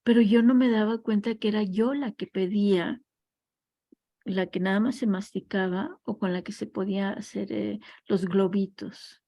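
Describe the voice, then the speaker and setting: Speaking at a moderate pace in a warm, mid-range voice with fairly even intonation, a woman gives a recorded class lecture on family constellations. She is reflective and works in parables and personal stories, and there is no echo.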